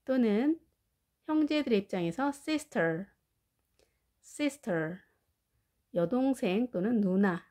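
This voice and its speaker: A woman with Korean as her first language, teaching English family words and slowly drilling their pronunciation. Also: fairly high pitch, animated, mellow. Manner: slow, careful pronunciation drills. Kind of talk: vocabulary lesson.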